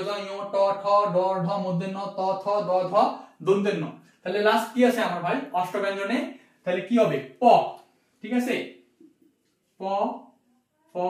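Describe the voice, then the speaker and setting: A young man from Bangladesh teaching an admission-test grammar lesson, repeating terms and quizzing the listener as he goes. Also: high-pitched. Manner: repetitive, quizzing, asks "ঠিক আছে?" often. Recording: echoey room, distant from mic.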